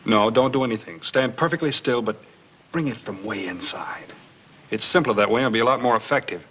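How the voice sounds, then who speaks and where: An actor playing a wry, easygoing theatre director and husband, from a 1940s film soundtrack. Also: male voice, medium pitch, fast talker, a bit bright, lightly acted. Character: theatre director and husband, young adult man. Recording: dull 1940s film soundtrack with faint hiss.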